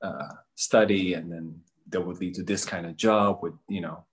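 Speaking in a low voice with fairly even intonation, a Bosnian spiritual coach muses through his interview answers, hesitating with many pauses.

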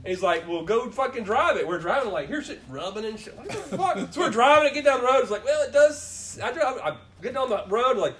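A man's voice: extremely high pitch, expressive, fairly quick, hardly any pauses, a bit bright. A man in casual chat, telling a rambling, profane story with lots of laughter.

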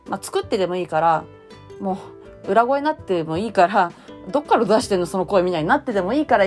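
A cheerful woman chats through friendly advice in a voice she has lifted higher than her natural one, her pitch bouncing all over. She talks loosely and warmly, with plenty of fillers, over soft music in the background. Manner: cheerful, chatty, lots of fillers; deliberately raised, bright speaking tone. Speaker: voice blogger. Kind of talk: casual spoken advice.

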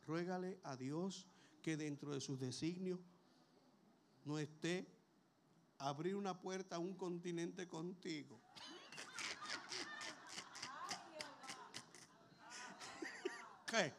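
A man's voice: high-pitched, sing-song, very slow, long pauses, noisy background. A man preaches a sermon. He talks in a conversational, storytelling way, tossing rhetorical questions at the congregation.

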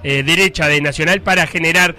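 A man's voice: on the high side, fairly even intonation, fairly quick, sharp tone. A man with a Uruguayan accent giving spontaneous, analytical football commentary on the radio, explaining each play.

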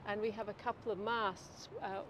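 Woman, medium pitch, casual podcast interviewer, chatty, thinking aloud, outdoors, clear traffic noise. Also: level tone, moderate pace. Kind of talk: casual conversational interview on the move. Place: outdoors on a busy city street. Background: traffic and street noise.

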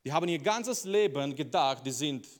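A man's voice: on the high side, animated, normal speed. A male preacher giving an emphatic sermon, repeating phrases and putting rhetorical questions to the audience. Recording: long reverb of a large hall.

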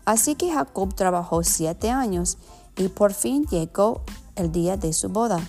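A woman with an American accent in Spanish, a native English speaker, reading a children's storybook aloud with halting, self-corrected phrasing. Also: mid-range voice, lively intonation, dark tone, faint music behind. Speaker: storybook reader. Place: at home.

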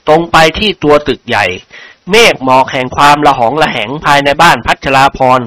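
A man reading a novel aloud as narrator, expressive and theatrical. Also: a little high, moderate pace, no echo. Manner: expressive storyteller.

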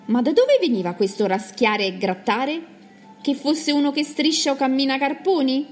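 A woman reading a children's story aloud with expressive, dramatic narration. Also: sits high, moderate pace, soft background music.

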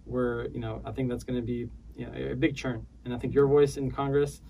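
A man from the former Soviet Union, a podcast guest, speaking earnestly and haltingly with many restarts. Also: medium pitch, flat delivery, creaky, dark tone, recorded from a distance, slight background noise, low-quality recording. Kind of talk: casual interview chat.

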